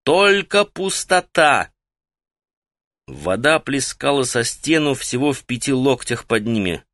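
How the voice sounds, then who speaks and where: Calm male audiobook narrator, dry sound. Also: medium pitch, moderate pace, no echo. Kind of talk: scripted narration.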